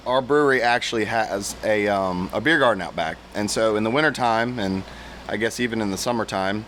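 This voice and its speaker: A man with a lowish voice speaks in a laid-back, soft-spoken way as a podcast co-host. He mostly chimes in with short remarks. Faint background noise sits under his voice. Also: a little fast. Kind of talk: casual chat.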